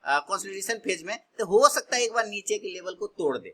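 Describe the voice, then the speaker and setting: A man's voice: high-pitched, expressive, brisk, fairly bright tone, husky. A man from India teaching stock trading in a casual way, asking himself questions and answering them, often repeating his words.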